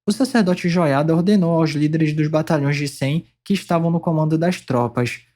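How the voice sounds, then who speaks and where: Mellow-voiced man reading scripture aloud. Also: a little high. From Brazil. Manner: steady, measured reading with pauses between phrases. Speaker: Bible reader.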